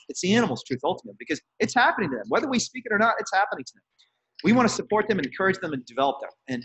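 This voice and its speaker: Fast-talking man telling activist stories. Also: fairly high pitch, slightly rough, poor audio. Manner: animated, laughs often, frequent restarts. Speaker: activist speaking on a donor call. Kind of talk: casual storytelling.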